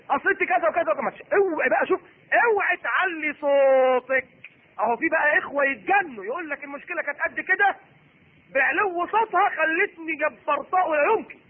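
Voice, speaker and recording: This very high-pitched sermon comes from a middle-aged Egyptian-accented preacher whose husky voice is flattened by a tinny, phone-like recording. Full of energy, he voices the husband and the wife in turn.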